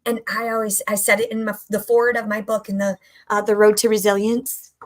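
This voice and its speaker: A woman's voice: mid-range voice, flat delivery, a little fast. A woman coach giving an emphatic, enthusiastic motivational talk, repeating phrases for effect. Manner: enthusiastic, upbeat. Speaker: health and mindset coach.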